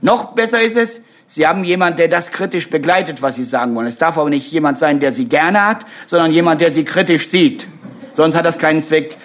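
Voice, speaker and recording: A man's voice: a little high, fairly quick, a bit bright. A man leading a workshop on public speaking, talking live to a group, with wry, self-mocking asides and tag questions thrown to the audience. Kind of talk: live seminar talk.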